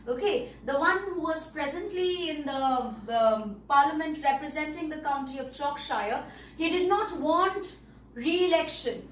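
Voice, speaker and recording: A woman teaching an English story lesson, explaining words slowly and checking in with "okay" and "all right". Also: sits high. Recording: roomy, distant mic, faint noise.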